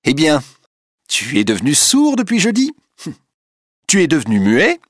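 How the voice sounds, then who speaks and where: A man voicing a jealous, furious woman who shouts mocking questions in a storybook reading. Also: sits high, very animated, slow, slightly rough, no echo, studio quality, voice pushed up, heavily acted.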